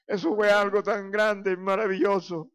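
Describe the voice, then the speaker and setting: Man, sixties, pastor, personal testimony, fervent, high voice. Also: level tone, normal speed, a bit bright, clear, resonant tone. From Venezuela. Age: 60s. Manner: fervent, emotional, repeated praise exclamations.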